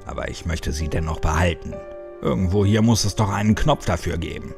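A man's voice: deep voice, fairly quick, gravelly, music in the background. A man voicing a strained captive doctor. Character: captive male doctor, tense and weary.

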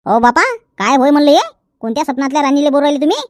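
A woman's voice: high voice, rapid-fire, a little mellow, dry recording, studio quality, natural voice. A woman playing a nagging, teasing village wife in a comedy skit.

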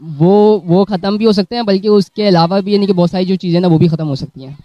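Young passerby, earnest, pauses a lot; somewhat high voice, dry and a bit muffled, outdoors. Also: male voice, no echo. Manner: hesitant, earnest. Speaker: interviewee. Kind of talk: casual chat. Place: outdoor park. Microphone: handheld mic.

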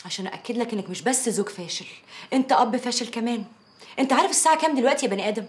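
A woman's voice: a little high, rapid-fire, close to an everyday voice. An actress playing a bitter, scornful divorced mother with an Egyptian accent in a TV drama. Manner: scornful, cutting.

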